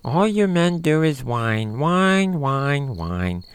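A woman's voice: low voice, big pitch swings, slow, smooth, no echo, exaggerated voice. A woman voicing a bossy, short-tempered, meddling aunt in an amateur comedy audio drama, scolding and snapping insults. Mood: nagging. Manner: scolding, nagging, snaps and shouts insults.

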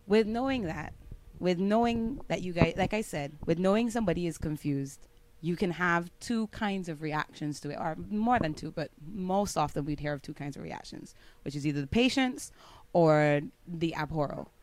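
A woman with a Barbadian accent from Barbados, appearing as a podcast guest, explains things at length in casual conversation, often laughing and getting animated. Her voice is lowish and her speed normal.

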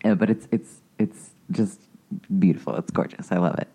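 Low, dark-voiced rambling man. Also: fairly even intonation, moderate pace, slightly rough. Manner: rambling, hesitant storytelling with many restarts. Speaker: podcast co-host. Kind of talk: casual chat.

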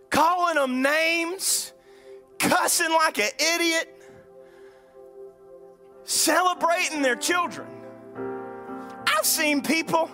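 A man preaching a sermon in a North Louisiana accent, animated, with sudden shouts and drawled asides. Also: very high voice. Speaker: pastor.

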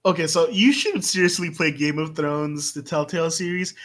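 Young woman from the Philippines, low-pitched voice, podcast co-host, blunt and relaxed, casual swearing. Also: moderate pace.

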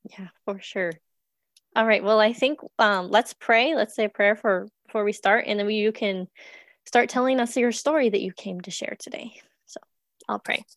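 A young woman hosts a faith podcast, friendly and chatty, sometimes rushing her words. Her pitch is in the middle for a woman, and the recording is close and dry, with no room echo. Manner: friendly, quick, chatty with small laughs. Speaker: podcast host. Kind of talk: casual faith podcast interview.

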